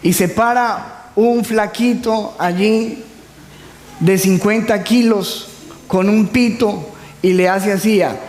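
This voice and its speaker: High-voiced preacher in an echoing hall. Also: male voice, fairly even intonation, slow, a little mellow. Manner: call-and-response preaching with humor. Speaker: pastor. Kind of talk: sermon. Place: church hall. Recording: echoey hall, long reverb.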